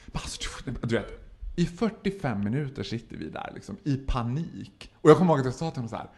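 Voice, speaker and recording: A man's voice: mid-range voice, gravelly. Guy telling a crazy story, voice jumps all over, does little voices, laughs a lot. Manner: animated, acts out voices in his anecdotes, laughs often. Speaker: podcast guest. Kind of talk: storytelling in casual chat.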